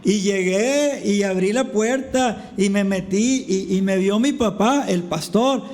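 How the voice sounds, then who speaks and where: A woman's voice: mid-range voice, slow, darkish tone, natural voice. A man voicing a pastor's grown daughter in her late thirties who chattily retells a fight with her husband. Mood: storytelling.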